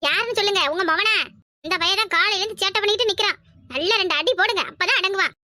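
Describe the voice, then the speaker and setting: A woman voicing a harried, sharp-tongued village daughter-in-law in a cartoon, grumbling in a Kanyakumari Tamil accent. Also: very high-pitched, exaggerated voice. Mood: tart, dismissive. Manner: grumbling, quick, scolding. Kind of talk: cartoon voice acting.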